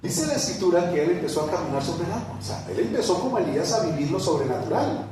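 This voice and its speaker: A pastor preaching a sermon, repeating words, asking rhetorical questions and rising to loud peaks. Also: male voice, sits high, sing-song, quick pace, background noise. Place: church hall. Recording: echoey hall from far off.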